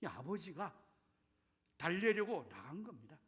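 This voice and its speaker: A man preaching a sermon as pastor, dramatic, swinging between loud bursts and whispers and asking the congregation questions. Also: fairly high pitch, sing-song, unhurried, breathy edge, in a large hall.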